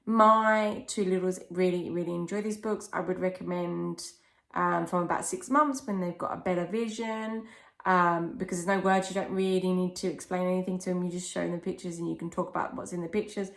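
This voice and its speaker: A woman's voice: on the low side, steady tone, brisk, creaky. A young woman chatting casually and enthusiastically as she recommends children's books, explaining things in simple, rambling phrases. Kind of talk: casual chat, book recommendations.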